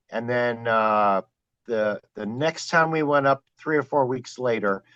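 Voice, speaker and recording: A man guesting on a podcast, telling his wildlife camera stories in an animated, excited way. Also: medium pitch, muffled recording. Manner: excited, animated retelling with quoted exclamations. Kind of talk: storytelling in a podcast interview.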